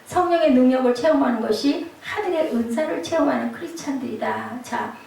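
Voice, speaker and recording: A woman preaching to her congregation, her voice gravelly with a warm, dark tone and a slightly high pitch. She keeps turning to the people with quick tag questions. The recording comes from far off in a very echoey church hall. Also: slight background noise. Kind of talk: sermon at a Friday night prayer service. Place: church sanctuary.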